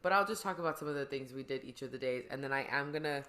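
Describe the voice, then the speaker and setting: A woman's voice: very deep voice, very fast, a bit bright, a little hiss or hum. A woman hosting a podcast, chatting casually in a rambling, slangy way. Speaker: podcast host. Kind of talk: casual chat.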